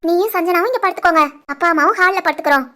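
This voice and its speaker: A woman voicing a protective, fierce middle-aged mother in an animated family drama, with a stern, scolding manner and a Tirunelveli Tamil accent. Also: very high-pitched, racing.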